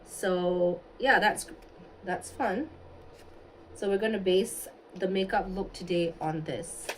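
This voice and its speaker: A woman's voice: on the low side, takes it slowly, slight background noise, low-quality recording. A woman from Singapore livestreaming a makeup look, chatting casually and thinking aloud as she answers viewers. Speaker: beauty livestreamer. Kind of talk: casual livestream chat while doing makeup. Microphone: phone on a stand.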